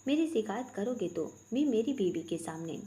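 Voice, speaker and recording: A childish young groom who sulks when teased, played by a woman narrator. The voice is mellow and plain, with a whiny edge in the lines. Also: mid-range voice, lively intonation, moderate pace, lightly acted. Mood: sulky.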